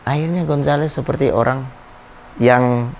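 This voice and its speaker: Gravelly man, thirties, interview guest, halting reflective storytelling. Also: medium pitch, steady tone, darkish tone, a little hiss or hum. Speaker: interview guest, former football captain.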